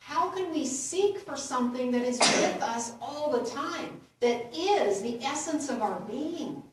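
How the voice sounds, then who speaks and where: Slow-speaking woman minister in an echoey church. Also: high-pitched, lively intonation, slight background noise. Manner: gentle, unhurried, with light laughs at her own jokes. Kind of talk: sermon. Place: church sanctuary. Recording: roomy echo from far off.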